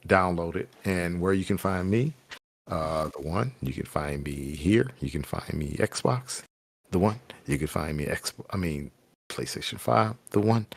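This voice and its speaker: A man's voice: low-pitched, vocal fry, dry recording. A man hosting a casual podcast chat, talking loosely and correcting himself as he goes. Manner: loose, rambling, corrects himself mid-sentence. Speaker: podcast host.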